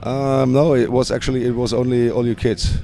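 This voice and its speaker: Faint music plays behind a German-accented punk singer as he hesitantly fields interview questions, restarting often and laughing softly. His mid-range voice stays level in tone and moves a little fast.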